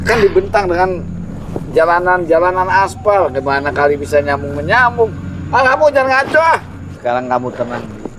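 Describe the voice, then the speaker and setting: An actor playing a dismissive school official who keeps waving away warnings, recorded with a noisy background. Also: male voice, high voice, sing-song, moderate pace. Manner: dismissive, brushing off worries. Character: stubborn skeptical school official, middle-aged man. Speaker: man expecting to be headmaster. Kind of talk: horror film acting. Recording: noisy outdoor ambience.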